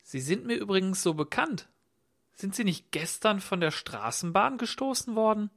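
Guy doing a puzzled homeowner, slow, keeps asking what happened. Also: a little high, animated, a bit bright. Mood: astonished. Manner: astonished, fussing questions. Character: puzzled, concerned male host Michael.

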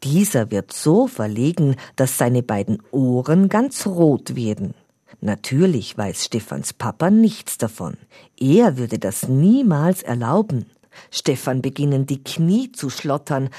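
A woman reading a children's story aloud as narrator, expressive and giving each character its own voice. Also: very deep voice, slightly rough, no echo, studio quality.

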